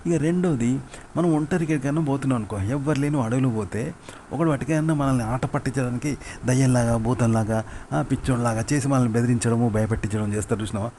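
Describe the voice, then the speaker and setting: A man with a Telangana accent teaches in a relaxed, informal way at an ordinary mid pitch. He circles back over the same points and keeps checking in with rhetorical questions. A faint hiss of background noise sits under his voice. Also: quick pace. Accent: Telangana Telugu. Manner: repetitive, asks rhetorical questions to the listener. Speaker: writing teacher. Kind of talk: informal spoken lesson.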